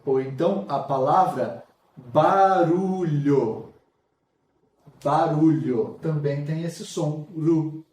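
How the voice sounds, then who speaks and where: Slow, patient Brazilian male teacher. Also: a little high, a little mellow, recorded from a distance. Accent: Brazilian Portuguese. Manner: patient, drawn-out syllable by syllable. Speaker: literacy teacher. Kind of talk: slow spoken lesson, sounding out syllables. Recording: echoey room, voice off-mic.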